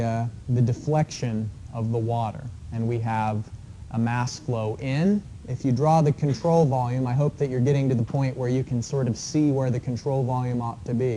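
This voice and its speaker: A man lecturing to an engineering class in a mellow, unhurried voice, talking through a homework problem with plenty of fillers. Faint background noise sits under the recording of the live classroom. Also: medium pitch, low-quality recording. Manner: relaxed, explanatory, with frequent fillers. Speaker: engineering professor.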